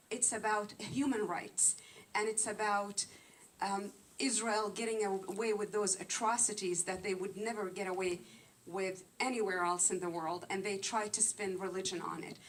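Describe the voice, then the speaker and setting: A woman's voice: medium pitch, far from the mic, slight background noise. A woman in her forties from Palestine, commenting earnestly from the audience at a film screening. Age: 40s. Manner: earnest, impassioned. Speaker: audience member. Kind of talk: question from the audience. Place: screening hall.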